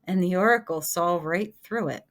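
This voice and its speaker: A woman's voice: lowish voice, moderate pace. A woman hosting her own podcast, talking in an earnest, confessional way in a reflective personal monologue. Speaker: podcast host.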